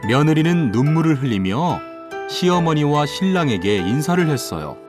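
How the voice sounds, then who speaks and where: A storyteller narrates a children's folktale expressively in a sing-song, mid-range voice at normal speed, playing up the sound words. Music plays behind the narration.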